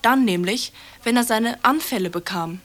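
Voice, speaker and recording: A woman's voice: a little high, moderate pace, a bit bright. Woman presenting school radio to children. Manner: friendly, speaks directly to children.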